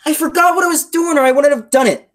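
A woman's voice: high-pitched, fast, lightly acted. A woman playing a sensitive, thoughtful teenage greaser boy in a school play, with an earnest, reflective delivery. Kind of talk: school play read remotely.

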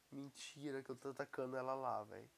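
A young man with a Brazilian Portuguese accent talks through his gameplay in a loose, chatty way. He keeps breaking into excited exclamations at what he sees on screen. He has a cold, and his voice sits at an ordinary middle pitch. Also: vocal fry, a little hiss or hum. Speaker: gaming YouTuber. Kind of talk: casual gameplay commentary.

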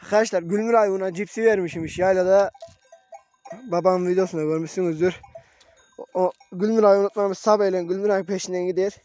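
A young man with a voice hoarse from a cold, chatting casually to viewers from a mountain pasture. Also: high voice, fairly even intonation, fairly quick, a little mellow. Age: young adult. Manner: talks to viewers as friends, calls to his animals. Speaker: shepherd vlogger. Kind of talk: casual vlog narration outdoors. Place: mountain pasture outdoors, wind.

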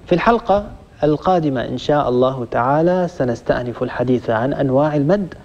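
A man's voice: medium pitch, lively intonation, a little mellow. Man teaching Quran recitation rules. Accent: Libyan Arabic. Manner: patient, repeats rules and slowly demonstrates examples. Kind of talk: tajweed lesson. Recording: dull lo-fi audio with long reverb.

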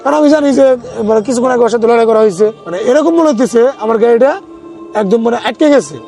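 A man's voice: extremely high pitch, animated, very fast, mellow. A man, an ambulance driver, telling his own experience in a casual, rambling way, often restarting his sentences. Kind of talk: casual first-person storytelling. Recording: faint background music.

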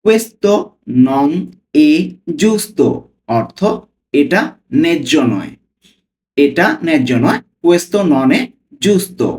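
A man from Bangladesh gives a spoken lesson as a tutor. He breaks each phrase into single words, says them slowly and repeats them, often stopping to ask "okay?". His voice sits at an ordinary middle pitch for a man. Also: darkish tone. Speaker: language tutor. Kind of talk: spoken lesson, Italian phrases explained in Bengali.

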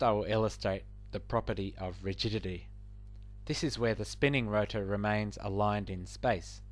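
A man narrating a scripted flight-training lesson in a measured, explanatory way. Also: on the low side. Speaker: flight instructor.

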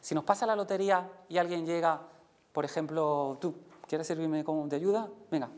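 A male conference speaker with a Spain Spanish accent talks to a live audience in a lecture room. He is animated and demonstrative, pitching his voice up and down to act out emotions as he teaches. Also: normal speed. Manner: lively, demonstrates voices with big pitch jumps.

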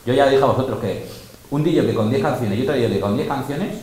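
A man's voice: medium pitch, quick pace, a little mellow. A middle-aged man, a DJ and teacher, talking in a casual, emphatic and boastful way to a group of students, often acting out quotes. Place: large school room with students. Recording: very echoey room, faint noise.

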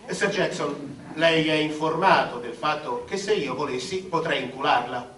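A man's voice: a little high, normal speed, a loud crowd, lightly acted. An actor playing a petulant, lustful, pompous king, declaiming in absurdist stage comedy. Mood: haughty complaining. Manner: pompous declamation, swinging into shouts. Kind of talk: absurdist comic stage theatre. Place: theatre stage with audience. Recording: echoey theatre, distant microphone.

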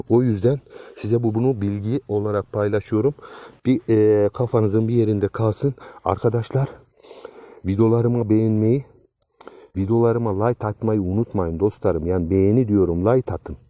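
A man hosting an outdoor treasure-hunting vlog, exclaiming and repeating short phrases, often dropping to a hushed voice. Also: on the low side, no room sound, highs cut off. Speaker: treasure-hunting video host. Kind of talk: excited outdoor vlog commentary. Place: outdoors by a tree in sunlight.

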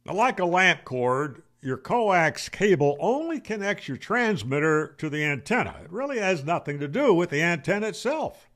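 An American man in his seventies hosts a ham radio video from a home room, speaking close to a boom-arm desk microphone. His high-pitched voice swings widely and is fairly bright, moving at a moderate pace with few pauses. He explains things to camera casually and wryly, airing opinions and tossing out rhetorical questions.

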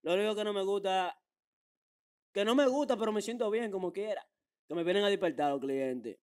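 Young man, Dominican Spanish accent, high voice, rapid delivery, brash street slang, casual interview. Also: a little mellow, smooth. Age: young adult. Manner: brash, slangy, repeats phrases for emphasis. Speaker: interview guest. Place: small furnished room indoors. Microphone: handheld microphone held out by interviewer.

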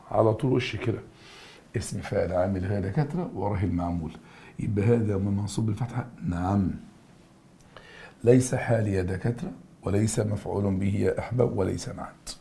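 A man with an Egyptian Arabic accent runs a recorded grammar review lesson in a gravelly, fry-edged voice. His tone is dark and mellow and sits fairly low. He hammers each answer home with repetition, calling his students by friendly nicknames. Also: a little fast. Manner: drills answers with emphatic repetition, addressing students familiarly. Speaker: teacher.

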